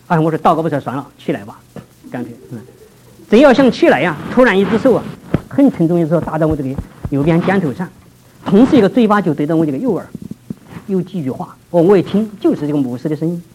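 A man preaching a personal testimony, telling his story vividly and swinging between hushed and raised passages. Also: sits high, a little hiss or hum, low-quality recording. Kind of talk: testimony sermon.

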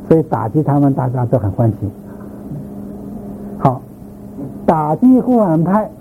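Man lecturer, somewhat high voice, loose rambling delivery with fillers and asides to the class; thin lo-fi sound with a faint hiss behind. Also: mellow. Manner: rambling, repeats words, frequent filler particles, asks listeners questions. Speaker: lecturer on church history. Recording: tinny phone-like sound, faint background noise.

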